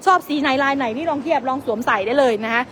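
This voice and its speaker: A woman giving a fast, chatty sales pitch in a tire shop, calling out prices to customers. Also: fairly bright tone, a little hiss or hum. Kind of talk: live-sale product pitch.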